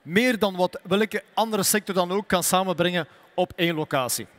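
A man's voice: high-pitched, a bit bright. A man, a company executive giving a prepared, formal press statement. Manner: formal, measured delivery. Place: expo hall.

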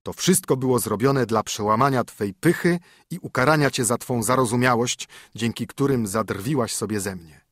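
A man's voice: mid-range voice, normal speed, fairly bright tone, no room sound, lightly acted. A man reading a fairy tale audiobook, voicing a stern poor minstrel husband who commands and scolds his wife. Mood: reassuring.

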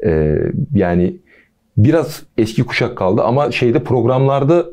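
A man hosting a football podcast, talking casually with a relaxed, chatty manner and jokey asides. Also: medium pitch, measured pace.

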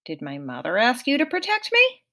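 A woman's voice: high-pitched, wildly swooping pitch, moderate pace, bright, forceful tone, pitched above the performer's own voice, exaggerated voice. A woman voicing a grieving twelve-year-old boy in an audiobook, insistent and questioning. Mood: shaken. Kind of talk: audiobook reading.

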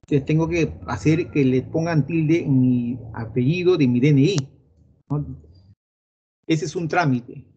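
A middle-aged Peruvian man teaching an online math class, talking to his students in a chatty way. His voice sits a little high for a man. The audio is dull and lo-fi, with a faint hiss underneath. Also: measured pace, dark tone. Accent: Peruvian Spanish. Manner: chatty, addresses students directly. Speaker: pre-university math teacher.

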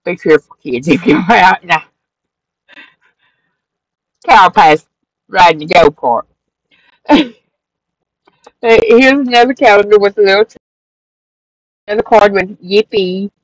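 Speaking unhurriedly in a mid-range voice with long pauses, a middle-aged woman shows off her handmade craft journal from a table in her craft room. She runs a crafting channel, and her talk is relaxed and rambling, with fillers and corrections. The audio is rough and echo-free.

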